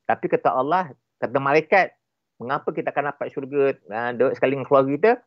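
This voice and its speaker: A man with a Malaysian Malay accent, a relationship expert giving animated, emphatic explanations in an interview. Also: mid-range voice, fast talker, no echo, lo-fi sound. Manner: animated, emphatic, repeats points for effect.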